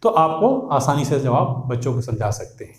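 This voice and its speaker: A man's voice: mid-range voice, very animated, moderate pace, roomy sound. A man teaching English grammar, repeating words, drilling pronunciation and quizzing his listeners. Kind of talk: classroom grammar lecture.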